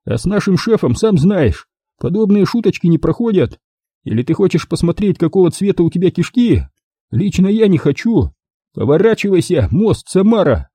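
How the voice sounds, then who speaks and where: A male reader voices a swaggering, sneering detective sidekick, using a lively, husky, dark-toned voice pitched well above his own. The threats rise and fall with mocking, menacing bluster at a moderate pace, in a full character performance. It's recorded close and dry with no echo, like a studio audiobook.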